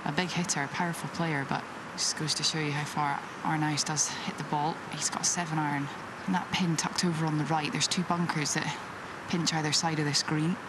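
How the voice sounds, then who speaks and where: A golf commentator describing shots and conditions in an explanatory way from out on the course. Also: mid-range voice. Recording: loud outdoor ambience and wind noise.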